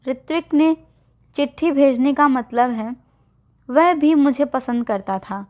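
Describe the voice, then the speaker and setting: A woman storyteller voicing a tearful, resigned young bride in a soft, sorrowful way. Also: high-pitched, slow. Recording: dull lo-fi recording.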